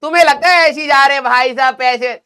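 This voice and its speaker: A man's voice: very high voice, fast talker, sharp tone. A young man teaching a live online physics class in a chatty, joking way, teasing his students. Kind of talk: casual live class lecture.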